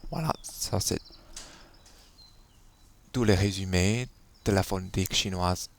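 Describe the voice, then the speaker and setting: Slow, low-voiced man teaching tones. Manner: patient, repeats syllables to model tones. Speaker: Chinese language teacher. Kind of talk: slow explanatory lesson.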